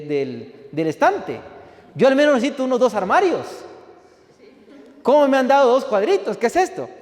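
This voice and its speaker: A young man from Costa Rica telling his own story as a guest preacher, acting out the other people's voices as he goes and sometimes rising to a shout. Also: sits high, in a large hall. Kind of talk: sermon testimony.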